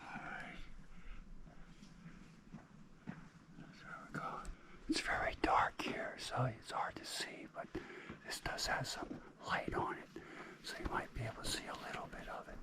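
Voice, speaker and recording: A man giving hushed, whispered vlog commentary while walking inside a cave. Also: moderate pace. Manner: whispering, low and breathy. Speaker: travel vlogger. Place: inside a large dim cave.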